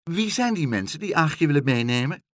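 A man's voice: fairly high pitch, sing-song, brisk, no echo, pitched above the performer's own voice. A man voicing a fussy middle-aged woman obsessed with cleanliness, prim and easily shocked. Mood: eager.

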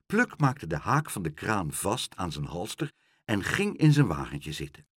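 A man reading a children's story aloud with expressive, unhurried narration. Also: sits low, slightly rough, no room sound, studio quality. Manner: expressive and slow, with dramatic pauses.

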